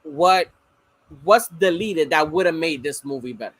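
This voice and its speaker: A man co-hosting a podcast, asking questions in a relaxed, profane casual chat. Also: a little high, unhurried. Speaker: podcast co-host.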